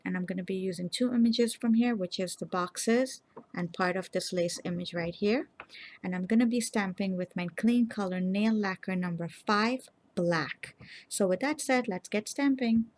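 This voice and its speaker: A woman hosting a nail art tutorial, explaining each step in a calm, instructive way and speaking to viewers directly. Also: mid-range voice, moderate pace. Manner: calm, instructive, addresses viewers as "you guys". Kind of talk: casual step-by-step tutorial narration.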